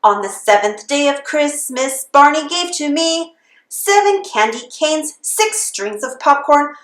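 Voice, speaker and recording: Reading to children as if singing a Christmas carol, this high-voiced woman keeps a slow, steady pace. Her tone is expressive and fairly bright, with a distinct room echo around it; she acts as a storybook reader.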